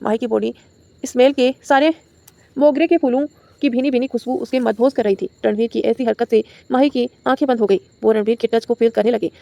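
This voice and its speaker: A woman reading a romantic audio novel aloud as the channel's storyteller, in a brisk, steady voice. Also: on the high side, gravelly, no room sound.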